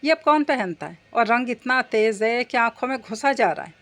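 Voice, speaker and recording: A woman's voice: a little high, animated, normal speed, fairly bright tone. A woman reading the part of a chatty young bride who is picky about her clothes.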